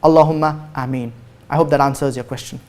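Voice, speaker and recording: A man giving a religious lecture and answering questions. He cites chapter and verse, recites Arabic quickly, then translates slowly with emphasis. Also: medium pitch, steady tone, darkish tone. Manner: formal, measured, cites chapter and verse numbers. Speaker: Islamic preacher answering viewer questions.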